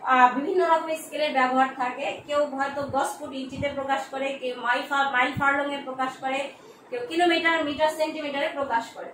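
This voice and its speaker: A middle-aged Bangladeshi woman, a geography lecturer, gives an online lesson from a room at home, chatty and motherly with frequent filler sounds. Her voice is high, there's background noise, and the distant mic makes the room echo.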